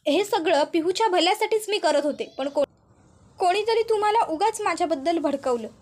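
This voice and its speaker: A woman voicing a patient young daughter-in-law who pleads calmly without raising her voice. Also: extremely high pitch, normal speed. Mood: pleading.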